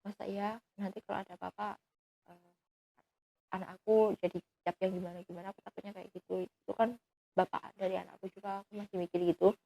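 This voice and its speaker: A woman's voice: mid-range voice, flat delivery, fast talker, vocal fry, dark tone, a little hiss or hum, poor audio. A young woman, telling her own story as a guest in an earnest, pleading way that often trails off into fillers. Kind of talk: emotional personal account.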